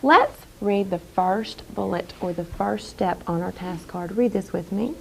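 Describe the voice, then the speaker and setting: A woman's voice: medium pitch, lively intonation, a little mellow. Carefully enunciating woman teacher, some background noise. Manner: deliberate, carefully enunciated, instructive with repeated key phrases. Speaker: elementary school teacher. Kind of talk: classroom instruction to young children. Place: classroom with young children. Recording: clear background noise in a classroom.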